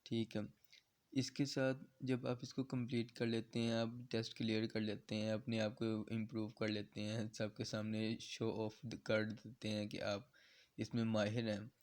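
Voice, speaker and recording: A man's voice: lowish voice, monotone, normal speed, a little mellow. A man from Pakistan teaching a step-by-step lesson. He talks patiently and checks in with "okay" after nearly every point. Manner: patient, repeats "theek hai" to check understanding; encouraging, earnest in closing advice. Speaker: shorthand teacher.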